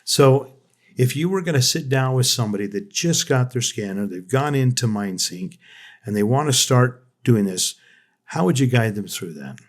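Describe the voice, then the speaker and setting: A man's voice: medium pitch, animated, normal speed. A man hosting a podcast, talking in a reflective, rambling way with frequent restarts. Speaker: podcast host. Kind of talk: casual conversation.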